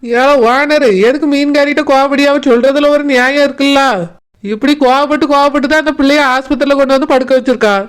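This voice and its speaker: A woman's voice: high-pitched, level tone, quick pace, lightly acted. A woman voicing a blunt, scolding old village grandmother in a cartoon, with a Kanyakumari Tamil accent.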